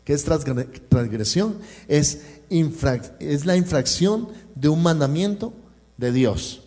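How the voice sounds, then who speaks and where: A man's voice: a little high, expressive, takes it slowly, darkish tone. A male pastor with a Colombian accent, preaching a sermon and telling a personal story, acting out the dialogue and speaking directly to the congregation. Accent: Colombian Spanish. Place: church service.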